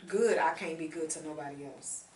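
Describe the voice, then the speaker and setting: Woman guest, real low voice, earnest and emotional, echoey room off mic. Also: fairly quick, distant mic. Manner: earnest, emotional when telling stories. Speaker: guest, charity organizer. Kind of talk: casual interview chat.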